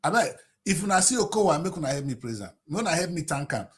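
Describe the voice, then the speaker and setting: On television, a man in his late fifties with a Nigerian accent, from Delta State, talks fast and in a sing-song way as he offers passionate political commentary. Rhetorical questions fly, and his volume veers between shouting and muttering.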